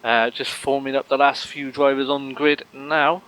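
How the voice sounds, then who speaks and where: A man's voice: medium pitch, flat delivery, normal speed, fairly bright tone, clear, resonant tone, low-quality recording. A man commentating a sim race live, rambling with lots of fillers and joking banter with his co-host.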